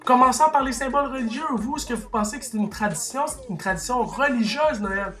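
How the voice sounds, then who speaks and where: A man's voice: extremely high pitch, fairly quick, bright, forceful tone, soft background music. A man from Quebec with a Québécois French accent, delivering a heated opinion rant to viewers, arguing and restarting sentences as he goes. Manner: impassioned, argumentative, full of restarts and asides. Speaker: vlogger.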